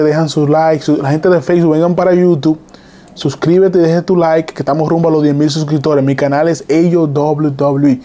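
A man hosting a live stream, excitedly retelling wrestling events and reading chat messages. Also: fairly high pitch. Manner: excited, repetitive play-by-play retelling.

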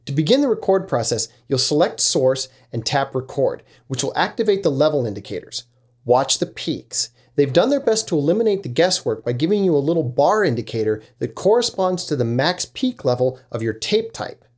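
A man in his thirties hosts a channel reviewing vintage audio gear, delivering a casual, plain-spoken scripted explainer into a desk microphone in a small room. His voice is a little high and husky with a darkish tone, swinging widely in pitch at a moderate pace.

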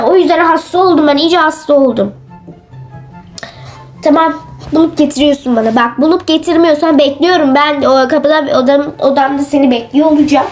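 A woman's voice: high-pitched, a little mellow, lightly acted. A woman voicing a lazy female teacher who complains of a sore throat while scolding her pupils in a comic role-play. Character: lazy grumbling woman teacher pretending to be sick.

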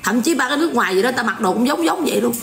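A high, bright-voiced woman in her forties with a Southern Vietnamese accent rants in mocking, scolding commentary. Her sharp tone bounces around an echoey room. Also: expressive, very fast, vocal fry. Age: 40s. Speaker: online commentator. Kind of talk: ranting livestream commentary.

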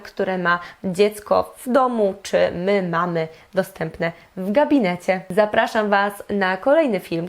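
A young woman teaching a video lesson as a speech therapist. She explains practical ideas in a lively way and speaks straight to her audience. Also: mid-range voice. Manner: lively, explanatory, direct address to viewers.

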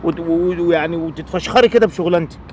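A man's voice: fairly high pitch, quick pace, slight background noise, lightly acted. A man with an Egyptian accent playing a protective neighborhood man who lectures in a fatherly, insistent way. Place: outdoors on a city street.

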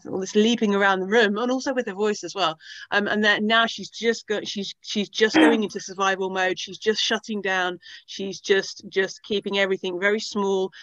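Woman, measured and thoughtful, video call, dry dull sound. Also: mid-range voice, fairly bright tone, dry recording. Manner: thoughtful, measured, with frequent ums. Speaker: body language panelist. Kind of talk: casual analysis on a video call.

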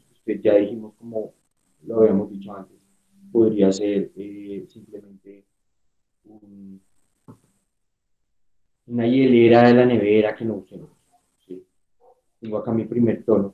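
A man with a Colombian Spanish accent teaching a prerecorded online art class, patient and step-by-step, checking in often with his students. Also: on the low side. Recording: echoey room, tinny phone-like sound.

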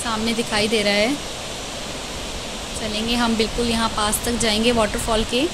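This travel vlogger has a fairly high voice and a level tone as she strolls a mountain trail by a waterfall, cheerfully pointing things out to her viewers. Rushing water fills the background of the outdoor phone recording.

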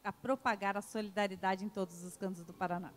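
A woman, co-hosting a charity livestream and reading sponsor mentions in a brisk, teasing way. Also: medium pitch, fairly even intonation, big-room sound, soft background music. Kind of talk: casual live-stream chat.

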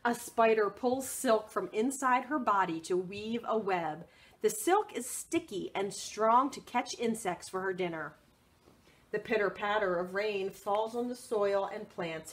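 Speaking in a mid-range voice, a woman performs a picture book for children's storytime. Her delivery is expressive and sing-song, and she keeps prompting the young listeners with questions.

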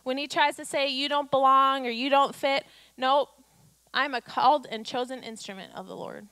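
High-voiced woman preaching a sermon. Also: fairly even intonation, moderate pace, sharp tone, clean tone, no room sound. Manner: exhortative, rhetorical questions, acts out quotes. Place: church auditorium stage. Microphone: handheld mic.

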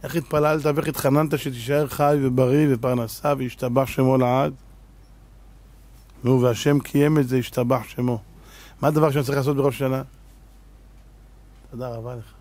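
A male rabbi giving an animated, exhortative sermon, telling stories dramatically. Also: mid-range voice, pauses often. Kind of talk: sermon with humorous storytelling.

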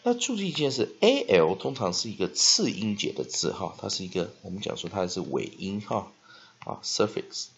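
A man teaching spelling and pronunciation, dotting his speech with "ah" and "ha" and slowly drawing out words to model them. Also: lowish voice, big pitch swings, slight background noise. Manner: frequent "ah" and "ha" fillers, slow drawn-out modeling of words. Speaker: English teacher. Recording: dull lo-fi recording.

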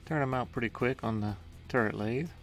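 Faint music runs under this man's medium-pitched, fairly quick voice. He's a home workshop maker doing a casual voice-over of his own build, explaining every step in a plain, matter-of-fact way and hesitating slightly here and there.

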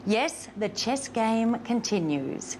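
A woman's voice: fairly high pitch, expressive, slow pace, a little mellow, slight background noise. A middle-aged woman hosting a live TV show from a studio set on a lapel mic, asking playful, teasing questions. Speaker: host.

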